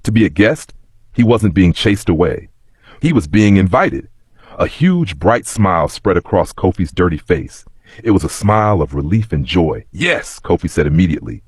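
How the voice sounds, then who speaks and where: Deep, husky male storyteller. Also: dry recording, clean studio sound. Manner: measured, expressive storytelling. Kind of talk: scripted story narration.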